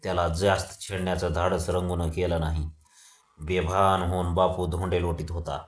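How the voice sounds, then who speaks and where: Low steady guy reading a long story out loud, roomy echo. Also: normal speed. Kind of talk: audiobook reading of a Marathi novel.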